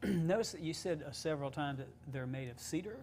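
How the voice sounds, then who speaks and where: Fast-talking, higher-pitched male show host. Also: a little mellow, slight background noise. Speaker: show host interviewing a guest. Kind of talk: casual interview questions.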